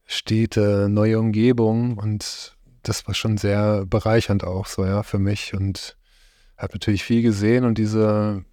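A middle-aged German man speaks in a low, flat, mellow voice, taking his time in a relaxed conversation. He often hesitates while searching for words. He's being interviewed as a farm host, and the recording is close and dry with no echo.

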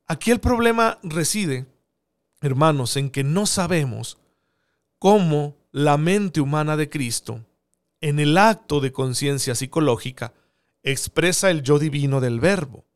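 Earnest preacher, slightly high voice. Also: male voice, lively intonation, unhurried, smooth. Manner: earnest, explanatory, asks rhetorical questions. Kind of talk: theological teaching talk.

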